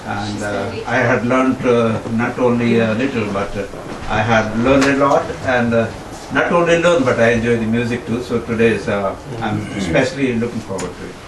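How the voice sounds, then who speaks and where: A man introducing himself at a group meeting, halting and searching for words. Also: medium pitch. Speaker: discussion group member. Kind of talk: casual self-introduction. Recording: roomy, distant mic, background noise.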